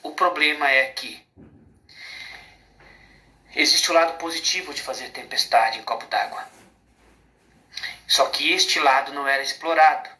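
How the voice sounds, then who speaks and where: Brazilian man, fairly high voice, rambling spiritual talk with rhetorical questions, echoey room. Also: a little slow, long pauses, bright, forceful tone. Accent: Brazilian Portuguese. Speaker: spiritual speaker. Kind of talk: informal spiritual monologue. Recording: roomy echo.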